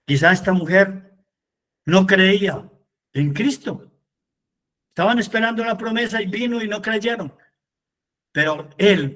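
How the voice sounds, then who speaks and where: A man leads a Bible study as its preacher. His voice sits high for a man. He moves between reading scripture aloud and fervent appeals to the people listening. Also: a bit bright.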